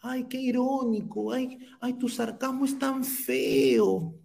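A man's voice: very high-pitched, big pitch swings, takes it slowly, gravelly, darkish tone, voice pushed up, exaggerated voice. A man putting on the voice of a whiny, fussy male critic, simpering in a sing-song, mocking way. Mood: whining mockery.

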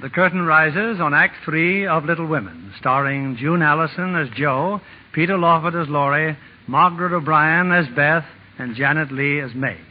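A male radio host makes a formal introduction in 1940s style. His voice sits fairly high. The recording is old and muffled. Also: moderate pace.

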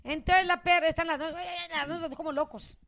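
A woman telling a story in casual chat, animated and talking over the others. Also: very high voice, fairly quick, a crowd in the background. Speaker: guest.

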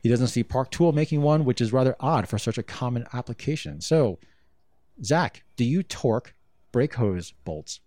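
A man's voice: medium pitch, animated, moderate pace, mellow, no echo. A man hosting a podcast, reading listener questions aloud and chatting in an easygoing way with frequent fillers. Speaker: podcast host.

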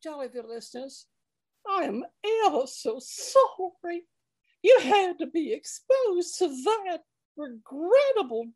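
A woman's voice: sits high, darkish tone, dry recording. A woman hosting a comedic radio cooking show, folksy, huffy and theatrical.

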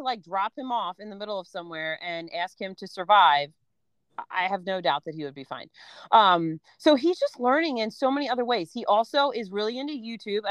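A woman in her thirties chats casually as a podcast co-host, frank and easygoing, with plenty of "um" and "you know." Her pitch sits in an ordinary middle range. The sound is dry and close, with no room echo. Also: smooth. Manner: chatty, frank, many fillers like "um" and "you know". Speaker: podcast co-host, homeschooling mom.

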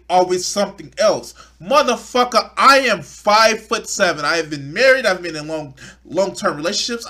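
A man's voice: high-pitched, pushed and bright. A man, speaking bluntly and profanely with stammering restarts as he streams an off-the-cuff reaction.

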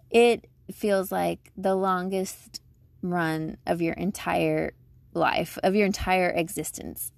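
A woman's voice: medium pitch, vocal fry, darkish tone, no echo. A woman giving casual motivational advice like a vlogger, chatty, emphatic, upbeat and encouraging.

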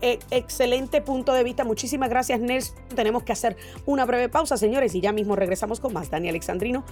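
A woman's voice: a little high, fast talker, darkish tone, faint music behind. A woman hosting a call-in political talk radio show, speaking in an opinionated, emphatic way with frequent "eh" fillers.

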